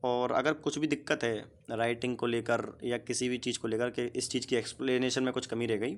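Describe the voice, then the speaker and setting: A patient male teacher works through a grammar lesson one piece at a time. He keeps asking quick questions like a quiz and answers each one himself. His voice is of ordinary pitch for a man. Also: level tone. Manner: asks questions and repeats the answers; patient, explains step by step.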